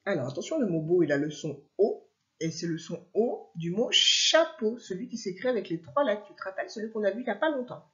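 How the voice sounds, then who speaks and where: A woman teacher giving a dictation to young children, slowly stretching out each word and spelling out letters. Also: mid-range voice, animated, a bit bright, highs cut off. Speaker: primary school teacher.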